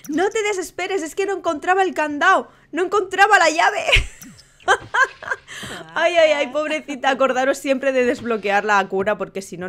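Excitable young woman gaming. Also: high-pitched. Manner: excitable, gushing exclamations. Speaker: gaming youtuber. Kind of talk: casual gameplay commentary.

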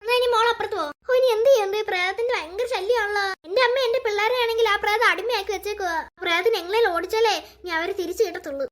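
A woman's voice: extremely high pitch, very fast, hardly any pauses, fairly bright tone. A young woman voicing an anxious, soothing mother in a cartoon. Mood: worried. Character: worried caring mother.

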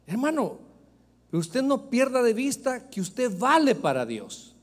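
A man's voice: extremely high pitch, very animated, takes it slowly, in a large hall. A male pastor preaching a sermon, emphatic and joking as he speaks straight to the congregation. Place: church sanctuary.

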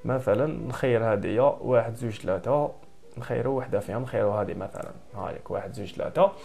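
A man with an Algerian Arabic accent giving a software tutorial, briskly mixing French computer terms into his speech. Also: on the low side, vocal fry, faint music behind. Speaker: software instructor. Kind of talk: screen-recorded tutorial.

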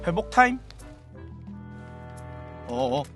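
A young man streaming a shooter game, commenting excitedly, exclaiming often and imitating gunfire sounds out loud. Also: fairly high pitch, drawn-out words, faint music behind. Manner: playful, mimics gunfire sounds, frequent exclamations.

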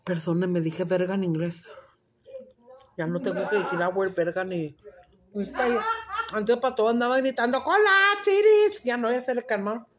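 A woman's voice: mid-range voice, fairly even intonation, moderate pace, pauses often. Crude, brash woman vlogger. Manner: loud, crude, swears freely, switches between Spanish and English. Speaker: mukbang cooking vlogger. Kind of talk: casual chat while cooking and eating.

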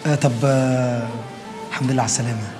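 A man's voice: medium pitch, fairly even intonation, rapid-fire, music in the background, natural voice. An actor playing an awkward, fawning young man with an Egyptian accent.

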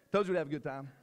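A male preacher giving a sermon at a church service into a handheld mic. He is energetic, jokes with the congregation and repeats his phrases. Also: fairly high pitch, long reverb tail. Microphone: handheld microphone.

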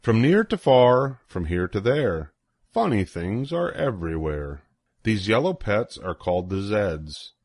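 Older male storybook reader, lowish voice, very animated, dry close sound. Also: measured pace, dry recording. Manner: playful, sing-song rhythm with swooping emphasis. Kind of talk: expressive read-aloud of a children's rhyming picture book.

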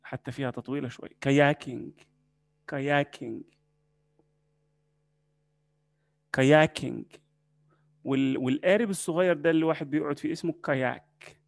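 A man with an Egyptian Arabic accent teaching an English vocabulary lesson, saying each word slowly and repeating it several times. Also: fairly high pitch, vocal fry, no echo.

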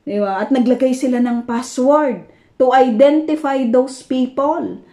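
A woman from the Philippines teaches a Bible passage in a loose, conversational way, with a voice set somewhat high. She keeps checking in with tag questions and slips English words into her talk. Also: a little slow, mellow.

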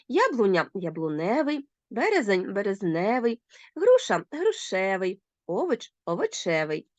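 Lively woman teacher, slow dictation. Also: no echo, highs cut off. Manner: slow, deliberate dictation of examples with lively pitch jumps. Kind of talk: recorded language lesson for schoolchildren.

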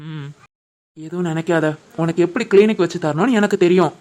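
A woman voicing a protective young village husband in an animated family drama, firm and commanding, with a southern Tamil Nadu village dialect. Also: on the low side, brisk, pitched below the performer's own voice, lightly acted.

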